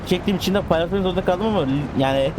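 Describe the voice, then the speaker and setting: Casting: male gaming host, slightly high voice, excitable live commentary, faint game sounds underneath. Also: very fast, noisy background. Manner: excitable, talks to the cars, teasing slang. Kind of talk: casual gameplay commentary.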